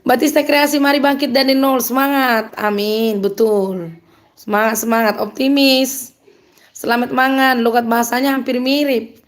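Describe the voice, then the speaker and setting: A woman's voice: a little high, fairly even intonation, normal speed. Upbeat woman with a Medan accent. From Medan, North Sumatra. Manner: upbeat and chatty, laughs often. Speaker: live streamer. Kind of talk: live-stream chat reading out viewer comments.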